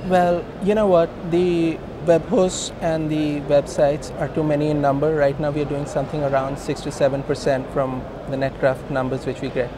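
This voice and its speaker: This co-founder, a man in his thirties with an Indian accent, talks informally and with emphasis while being interviewed about his business. His voice sits slightly high, keeps a level tone, and moves at a moderate pace with hardly any pauses. The busy hosting industry event around him is noisy, with ambient sound resembling traffic.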